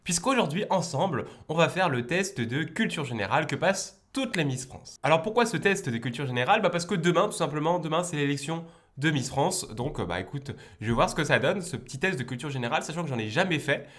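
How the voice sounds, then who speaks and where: A young man talks through a quiz in a casual vlog, his voice hoarse from a cold. He keeps mocking himself, swearing and exclaiming in fluster as he second-guesses his answers. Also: on the high side, expressive, fast, fairly bright tone. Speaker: law teacher and YouTuber.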